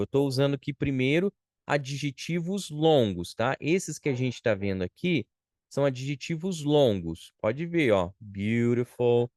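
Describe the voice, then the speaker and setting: A Brazilian man teaching English grammar online, patient and deliberate, stretching out example phrases and checking in with the class. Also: mid-range voice, darkish tone, no room sound, clean studio sound. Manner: patient, drawn-out model phrases with frequent "ó" and "tá?" check-ins; slow and deliberate.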